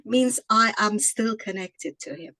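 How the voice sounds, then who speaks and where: A woman in the audience offers a reflective comment in an online Q&A. She speaks in a measured, thoughtful way with small fillers. The sound is close and dry. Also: mid-range voice, bright, forceful tone, dry recording, rough recording.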